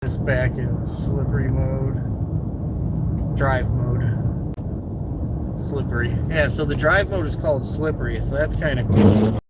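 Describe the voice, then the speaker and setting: A man's voice: mid-range voice, a little slow, pauses often. A middle-aged man from Hawaii and California, chatting casually and rambling to his viewers while driving. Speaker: vlogger. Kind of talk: casual driving vlog, talking to live viewers. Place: inside a vehicle driving on snowy roads. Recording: car recording with loud road noise, voice off-mic.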